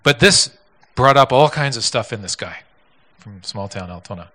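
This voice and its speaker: A male pastor telling a story in a sermon, animated and full of repeats and restarts. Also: mid-range voice, normal speed. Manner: animated, repetitive, with many restarts.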